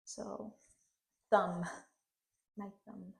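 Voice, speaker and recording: Extremely slow and flat, her medium-pitched voice has a creaky texture. A woman in her thirties from Puerto Rico, she teaches a hairstyling tutorial in Spanish with a Puerto Rican accent, constantly checking with "okay?".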